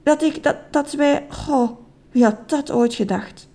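Mevrouw de Dief is a tender, easily moved storybook bride, as a woman reading aloud puts her on. Her voice sits high and bursts out in halting, gushing phrases with a rough, creaky edge. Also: mellow. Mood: tearful. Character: emotional tender bride, a female thief-lady.

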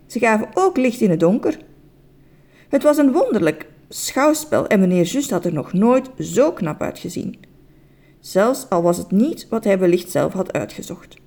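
A woman reads a bedtime story aloud with a lively, swooping melody. Her tone is mellow and soft, never sharp, and she stumbles and restarts now and then. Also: mid-range voice. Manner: expressive, with occasional slips and restarts. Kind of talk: children's story narration.

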